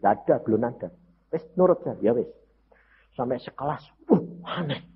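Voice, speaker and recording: An older man preaching a sermon through personal testimony, acting out dialogue and swinging between loud high outbursts and low quiet lines. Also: animated, fairly quick, creaky. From Central Java, Indonesia. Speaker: evangelist preacher. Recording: dull lo-fi sermon recording with faint noise.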